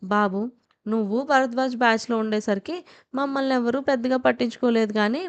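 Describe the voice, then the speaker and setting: A woman's voice: a little high, steady tone, fairly quick, smooth, close to an everyday voice. A cocky young male student in an audio story brags and jokes in a playful way, as a woman narrator voices him. He stays light and full of himself. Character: boastful, joking young male college student.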